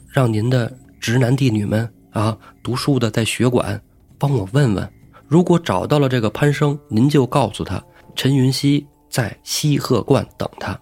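A man voicing a young woman Taoist nun, speaking in a soft, pleading way. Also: medium pitch, dry recording.

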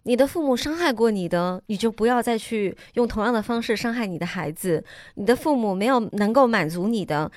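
Measured, reflective woman co-host. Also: a little high, lively intonation, a little mellow, dry recording, clean studio sound. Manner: measured, reflective, frequent murmured agreement. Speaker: podcast co-host. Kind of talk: casual chat.

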